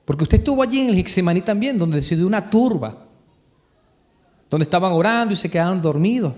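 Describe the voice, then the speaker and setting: Chilean pastor guy preaching to the church, high voice, swoops up and down a lot, keeps asking the crowd stuff. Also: a little fast. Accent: Chilean Spanish. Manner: animated storytelling, asks the congregation questions. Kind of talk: live sermon. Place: church before a congregation.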